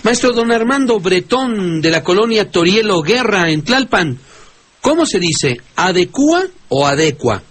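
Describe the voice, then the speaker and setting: A man with a Mexican Spanish accent, hosting a radio call-in show and reading out listeners' questions briskly. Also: sits high, lively intonation, a bit bright. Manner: brisk, reads out questions plainly. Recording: old radio recording with faint hiss.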